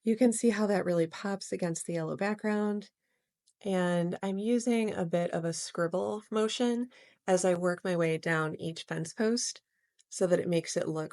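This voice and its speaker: A woman narrating her watercolor painting step by step in a gentle, explanatory way, as host of a real-time art tutorial. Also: on the low side, unhurried, no echo.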